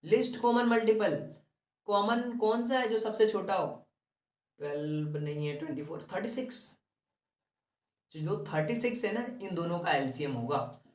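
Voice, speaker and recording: A man's voice: high voice, lively intonation, normal speed, long pauses, echoey room, distant mic. A man teaching a maths lesson, asking the class questions and answering them himself.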